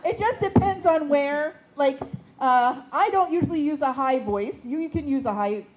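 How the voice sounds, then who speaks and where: Brief: high-pitched woman, chatty workshop teacher, faint noise behind. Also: lively intonation, normal speed, a little mellow, rough recording. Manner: chatty, many fillers, laughs easily. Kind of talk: casual workshop talk. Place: indoor seminary classroom.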